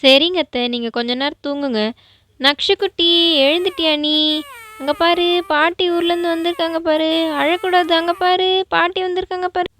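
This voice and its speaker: A woman's voice: high-pitched, fairly bright tone, slight background noise. A woman voicing an attentive young mother in a doll vlog, coaxing and concerned.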